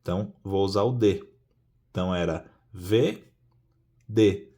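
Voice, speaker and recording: A man's voice: deep voice, a little slow, mellow. A man explaining a puzzle-cube method step by step in a casual hands-on tutorial, often asking rhetorical questions.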